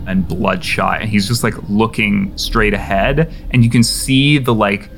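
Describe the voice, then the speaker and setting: A man's voice: lowish voice, steady tone, a little slow, creaky, noisy background. A man running a tabletop game as game master, narrating scenes in a casual, filler-heavy way.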